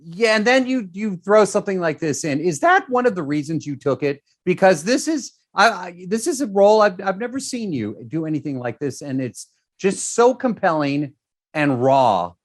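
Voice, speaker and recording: A man interviewing in a chatty, effusive and energetic way, with choppy bursts of questions. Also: high voice. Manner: effusive, energetic, choppy fast-starting delivery. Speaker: entertainment interviewer.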